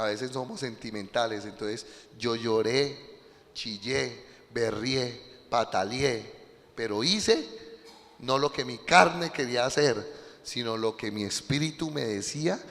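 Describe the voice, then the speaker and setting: A man preaching a sermon as pastor, emphatic and swinging between loud bursts and quiet asides, calling out to his congregation. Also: mid-range voice, long reverb tail. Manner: addresses the congregation directly, calls out "Aló". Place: church.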